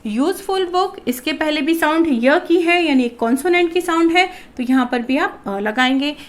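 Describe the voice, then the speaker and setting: A high-pitched woman teaching a grammar lesson to children. She keeps putting a question to the class and then answering it herself, in a patient classroom manner. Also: lively intonation, moderate pace. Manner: addresses viewers as children.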